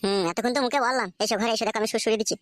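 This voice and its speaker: A woman's voice: a little high, steady tone, rapid-fire, a bit bright, pitched below the performer's own voice, natural voice. A woman voicing a sweet-talking, lewd young man from a village in a cartoon, wooing in a syrupy, flowery way. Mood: teasing. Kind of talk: cartoon voice acting.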